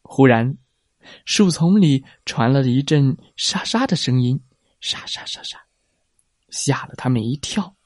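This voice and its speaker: A man reads a children's story aloud at an unhurried pace. His voice moves a lot, and he adds playful sound effects. The recording is dry and close to the mic. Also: mid-range voice, expressive, darkish tone, no echo. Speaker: narrator.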